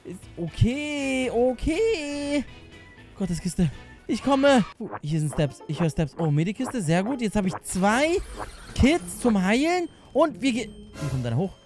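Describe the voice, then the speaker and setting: A man's voice: very high voice, sing-song, unhurried, darkish tone, soft background music. A young man giving hectic, jokey running commentary on his gameplay, often pleading with the game. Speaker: gaming YouTuber.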